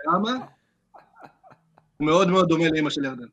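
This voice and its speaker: A man's voice: fairly high pitch, a crowd in the background. A young man on a casual podcast, joking playfully with his co-hosts. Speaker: podcast co-host. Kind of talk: casual banter.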